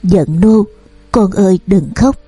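Storybook reading: a dying mother, halting and husky, read by a woman. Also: mid-range voice, dark tone, no room sound, soft background music. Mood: weak. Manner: halting, broken words. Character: dying mother, weak and faltering.

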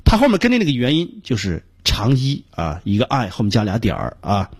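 This is a middle-aged man with a Beijing Mandarin accent teaching a radio pronunciation lesson. His voice is a little husky, and it sounds dry and close to the mic. He explains patiently, drops in small filler sounds between phrases, and his pitch moves up and down a lot. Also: wildly swooping pitch, dry recording. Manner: explains patiently, demonstrates sounds slowly and repeats them.

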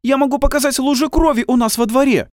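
A man voicing an indignant woman who stands up to police questioning, in a shrill, insistent voice. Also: big pitch swings, a little fast, no room sound, studio quality.

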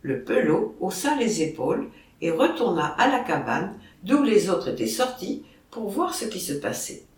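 A reader narrating a novel in a measured, expressive storytelling manner. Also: mid-range voice. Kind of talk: audiobook narration. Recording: roomy, distant mic.

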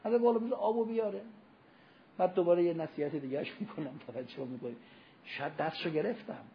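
A man's voice: on the high side, highs cut off, slight background noise. A man giving a Ramadan sermon, telling stories and acting out quoted voices, building to emphatic peaks. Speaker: preacher. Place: religious gathering hall.

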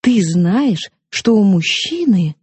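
A woman's voice: medium pitch, very animated, slow pace, slightly rough, dry recording, exaggerated voice. A woman reading an audiobook, voicing a defiant, mocking young woman who lashes out at her sister. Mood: scornful. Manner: sharp, mocking, impassioned outbursts.

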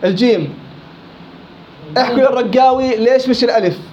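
A man's voice: very high voice, brisk, crowd noise. A man with a Levantine Arabic accent teaching Quran recitation rules in a live class, quizzing his students and teasing them as he goes. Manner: questioning students, teasing and lively. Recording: dull lo-fi classroom recording.

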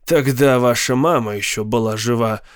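A man voicing a scheming, moody middle-aged uncle who talks in a sly, coaxing way, pitched higher than his narration. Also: normal speed, smooth, no echo, clean studio sound, lightly acted.

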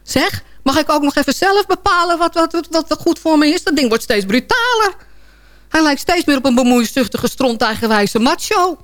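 A woman's voice: high voice, expressive, moderate pace, a bit bright, dry recording. A woman delivering a comic radio column in a sardonic, chatty storytelling manner.

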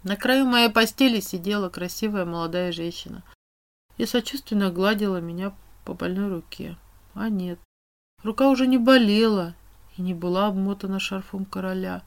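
A woman reading a first-person story aloud in an even, measured way. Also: mid-range voice. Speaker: audiobook narrator. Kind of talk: scripted first-person narration.

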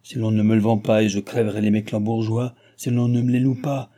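An arrogant, quick-tempered young nobleman, as a man reads him, barks his orders in a raised, imperious voice. The tone stays dark and husky under the lifted pitch. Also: flat delivery, close to an everyday voice.

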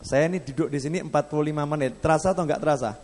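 A man's voice: fairly high pitch, very fast, darkish tone, long reverb tail. A man with a Javanese accent preaching at a gathering, joking and asking the crowd questions as he tells a story. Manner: jokes and asks the crowd questions. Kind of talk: sermon with storytelling. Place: large hall at a public gathering.

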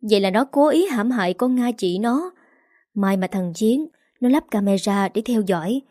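A woman's voice: fairly high pitch, dark tone, breathy edge. A woman voicing a frantic older mother. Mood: panicked. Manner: panicked, rushed. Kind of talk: storybook reading.

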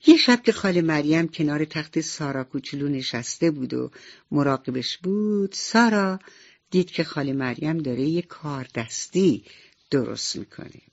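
A woman's voice: deep voice, animated. Woman telling a bedtime story to children. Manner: warm, addresses children directly. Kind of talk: radio bedtime story narration. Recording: slightly dull radio recording, soft music behind.

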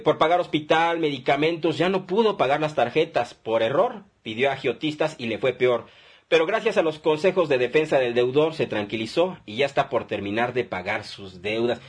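A man's voice: mid-range voice, husky. A man with a Mexican accent hosting a call-in radio advice show, chatty and upbeat as he reads listener messages and phone numbers.

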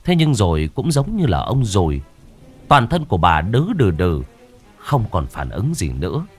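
A man narrating a ghost story, dramatic and slowing down on the eerie moments. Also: lowish voice, sing-song, a little mellow, husky, faint music behind.

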